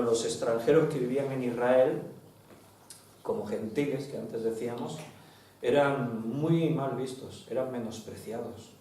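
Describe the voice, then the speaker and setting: Pastor, Spanish accent, teaching tone, dark voice, recorded from afar in an echoing church hall. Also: male voice, medium pitch. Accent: Spain. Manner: teaching, asks the congregation questions. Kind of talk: Bible study sermon. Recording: very echoey hall, distant mic.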